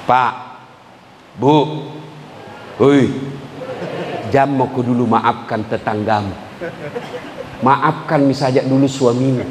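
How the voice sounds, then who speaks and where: A middle-aged man giving a humorous sermon to a live audience, joking and teasing and breaking into sudden shouts. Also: medium pitch, takes it slowly, long pauses. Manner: lively, joking, jumps to sudden shouts, teases listeners. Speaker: preacher. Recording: echoey hall with faint crowd ambience.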